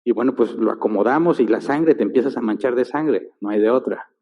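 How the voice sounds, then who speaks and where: In a tinny, echoey church hall recording, a man preaches a sermon story, voicing its characters and mimicking its sounds. His pitch is mid-range and his delivery a little fast.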